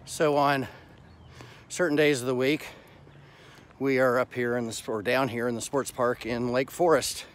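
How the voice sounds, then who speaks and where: A man's voice: mid-range voice, fairly even intonation, moderate pace, pauses often. A middle-aged man chatting casually and bluntly to his phone camera while out walking, with salty everyday language. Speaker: vlogger. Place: outdoors on suburban sidewalks and park paths. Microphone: phone at arm's length, wired earphones worn. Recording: noisy outdoor phone recording with traffic.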